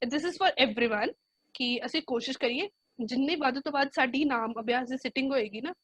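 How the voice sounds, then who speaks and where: A woman's voice: a little high, dry recording. A woman with a Punjabi accent giving an earnest motivational talk to students, often slipping English words into her speech. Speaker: guest speaker.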